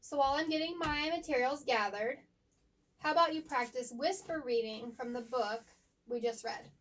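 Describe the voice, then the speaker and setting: A woman tutoring a student one-on-one in reading, asking patient guiding questions and explaining slowly, sometimes softly. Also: high-pitched. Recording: voice picked up from a distance.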